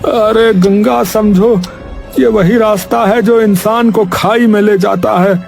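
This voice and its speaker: Man voicing a worried poor blacksmith, gravelly, high for a man, slow and pleading, cartoon. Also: steady tone, a little mellow, soft background music, full character voice. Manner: pleading, uses "arre" filler. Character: poor timid village blacksmith husband, cautious.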